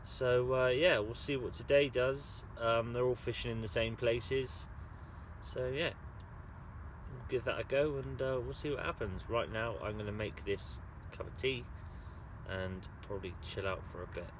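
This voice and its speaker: A man's voice: mid-range voice, moderate pace. A British man chatting casually to camera in a rambling, understated way, outdoors while fishing. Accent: British English. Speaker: angler filming a fishing vlog. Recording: noisy outdoor recording with steady ambience.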